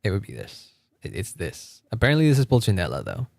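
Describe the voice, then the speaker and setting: A man's voice: fairly low pitch, huge pitch swings, fast, vocal fry, darkish tone, no room sound, clean studio sound, soft background music. A man whose first language is Spanish, chatting casually on a livestream, laughing often, repeating words and reading chat. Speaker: streamer.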